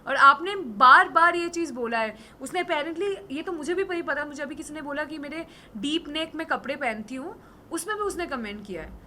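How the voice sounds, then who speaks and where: A hoarse young woman in her twenties, an influencer and model, talking defiantly and emphatically in an interview. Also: high voice, animated, normal speed, pushed and bright, a little hiss or hum. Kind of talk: casual interview talk.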